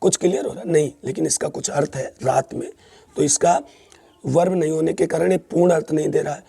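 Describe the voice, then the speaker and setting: Guy teaching grammar in hindi, gravelly husky voice, mellow dark tone. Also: on the high side, no room sound. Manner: repeats points, mixes English terms into Hindi, asks and answers his own questions.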